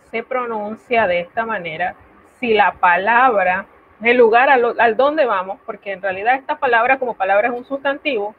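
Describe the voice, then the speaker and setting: A woman with a slightly high voice teaches a French lesson in a recorded online class, explaining step by step with patience and carefully pronouncing each example. The audio is tinny and lo-fi like a phone, with a little hiss or hum.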